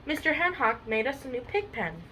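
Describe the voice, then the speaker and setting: A woman's voice: sits high, big pitch swings, moderate pace, bright, forceful tone, a little hiss or hum, poor audio. A young woman reading a children's storybook aloud, chatty, with many fillers between pages. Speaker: storybook reader. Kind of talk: casual chat and read-aloud storytelling.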